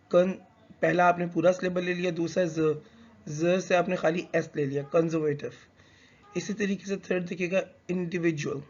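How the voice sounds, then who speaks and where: Man, lecture-style teacher, pitch a touch high, dull lo-fi recording, stops to correct himself. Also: darkish tone. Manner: reads English slowly, then explains in conversational Hindi mixed with English; hesitant, with fillers and self-corrections. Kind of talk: explanatory lecture.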